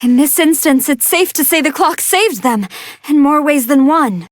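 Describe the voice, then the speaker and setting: A woman voicing a gentle, earnest young female android scientist who gives polite, precise fight commentary in a video game. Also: high-pitched, normal speed, dry recording, studio quality. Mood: curious, earnest. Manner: polite, precise, analytical, expressive. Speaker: match commentator.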